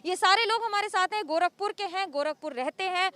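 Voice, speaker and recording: A woman reporter working a street interview beside a city lake, putting brisk questions to passers-by. Her voice sits very high, and she keeps the questions short and prompting. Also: pushed and bright. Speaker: field reporter.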